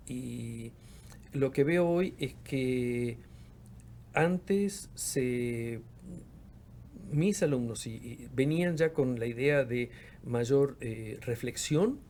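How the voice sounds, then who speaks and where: A Patagonian man in his fifties, a professor and researcher, guests in a casual interview, speaking reflectively in a mid-range voice with a darkish tone. He keeps repeating words as he looks for them, and slight background noise is present.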